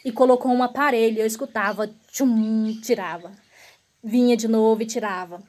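A woman's voice: fairly high pitch, normal speed. A woman vlogger telling her own story earnestly to her viewers, often turning to address them directly. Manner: relaxed, repetitive phrasing.

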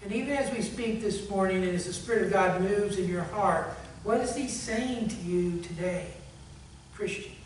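A male pastor preaches, moving between relaxed storytelling and earnest appeals that drop to a hush. He sounds distant from the mic, his voice ringing around a very echoey church hall over a faint hum. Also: sits high, moderate pace. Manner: conversational storytelling, earnest appeal, fading to hushed prayer. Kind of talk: sermon. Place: church sanctuary.

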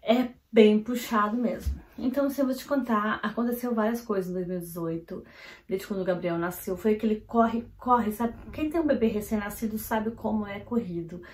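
A woman from Brazil, vlogging at home and telling a family story in a hurried, animated way, full of "então, assim" fillers. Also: mid-range voice. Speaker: vlogger and mother. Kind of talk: casual storytelling to camera. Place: at home, indoors. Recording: roomy echo of a home room.

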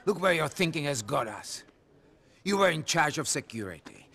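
A volatile, paranoid mob boss in a game cutscene: gravelly and husky, with a bright, tense edge. He barks orders, sneers and swings his voice wildly between lows and highs. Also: sing-song, normal speed, full character voice. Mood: menacing. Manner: barking, threatening, sneering. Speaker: crime boss. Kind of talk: video game cutscene acting.

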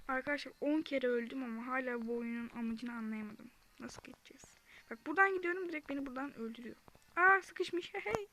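Her voice sits a little high, with a faint hiss or hum in the audio. A young woman gives casual commentary on her own gameplay for a gaming channel, whispering often and yelping whenever she's being chased.

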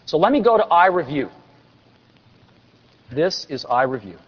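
A man's voice: fairly high pitch, very animated, a little slow. A man in his forties giving an enthusiastic product keynote on a large convention stage, with dry sarcastic asides. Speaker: company executive presenting on stage. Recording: dull lo-fi recording with long hall reverb.

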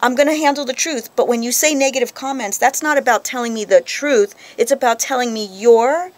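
A woman in her thirties hosting a radio talk show, venting and telling stories in a lively, chatty way. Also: on the high side, dry recording. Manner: animated storyteller, quick to vent. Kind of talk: casual chat.

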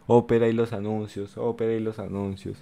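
In his bedroom streaming setup, a young Colombian-accented reaction streamer jokes and chats through a video for his audience, close to an arm-mounted studio mic. His voice is lowish, mellow and level with vocal fry, fairly quick, over slight background noise.

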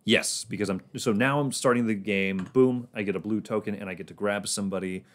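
A man's voice: lowish voice, brisk. A man casually talking through his moves in a board game on a livestream, rambling and laughing often.

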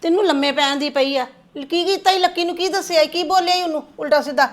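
A middle-aged woman playing a mother who scolds her daughter-in-law in an amateur family drama, with a high voice. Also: fast. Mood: questioning. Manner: firm, reproachful. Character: firm mother-in-law who takes no sides.

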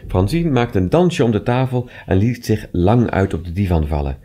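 A man reading short stories aloud with expressive, measured narration. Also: on the low side. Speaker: reader.

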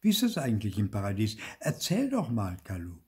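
An older man voicing a poor, short-tempered peasant husband who scolds loudly and impatiently, in a husky voice. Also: lowish voice, wildly swooping pitch, brisk, full character voice. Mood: tender.

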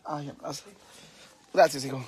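A man's voice: fairly high pitch, steady tone, normal speed, darkish tone, husky. A man with a Mexican accent vlogging casually at home, campy and theatrical, cooing at his pets and swearing freely. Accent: Mexican Spanish. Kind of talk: casual home vlog chat. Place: home with pets and fish tanks.

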